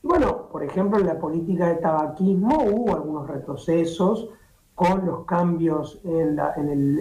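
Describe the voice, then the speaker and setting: A middle-aged Uruguayan doctor, guesting on a streaming show over a video call, explains things at length with plenty of restarts and fillers, in Uruguayan Spanish. His voice is fairly high but darkish in tone. He's in a home office on a laptop or webcam mic, with echoey call audio and slight background noise.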